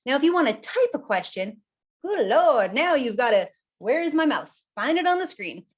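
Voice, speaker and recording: Lively woman presenting on a video call. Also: sits high, moderate pace, breathy edge. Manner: lively and conversational, laughs often; talks while standing and gesturing. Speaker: workshop presenter. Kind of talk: live online presentation.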